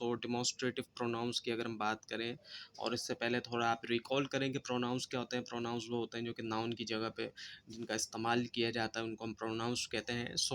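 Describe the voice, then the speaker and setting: A man's voice: medium pitch, a bit bright. Man explaining grammar in a lesson. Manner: explains slowly in Hindi mixed with English terms, with "so" and "अ" fillers. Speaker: teacher.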